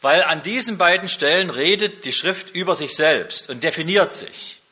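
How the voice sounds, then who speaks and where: A man's voice: fairly high pitch, lively intonation, moderate pace, pushed and bright. A middle-aged man preaching a sermon, emphatic, with repeated rhetorical questions.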